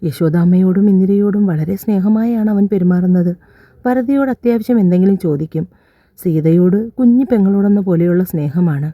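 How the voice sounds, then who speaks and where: Low-voiced woman narrating an audio story. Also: fairly quick, no echo. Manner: reads all characters' dialogue in her own voice, slightly raised. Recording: dull dry lo-fi recording.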